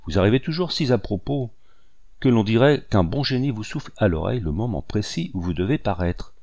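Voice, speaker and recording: A man voicing a cordial older planter and father in a storybook reading, with a low voice. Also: expressive, brisk, a little mellow, no room sound. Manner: hearty, cordial.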